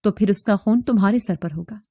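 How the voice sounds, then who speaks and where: A woman's voice: mid-range voice, warm tone, dry recording, clean studio sound, natural voice. Woman reading as a stern scolding father. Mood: harsh. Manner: scolding, bitter. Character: angry stern middle-aged father, harsh husband.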